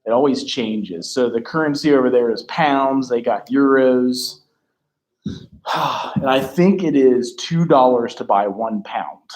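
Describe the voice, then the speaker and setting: A man commenting casually on a documentary. He muses aloud, works through numbers slowly and pauses often. His voice sits at an ordinary middle pitch. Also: low-quality recording. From United States. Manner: musing, thinks out loud with pauses.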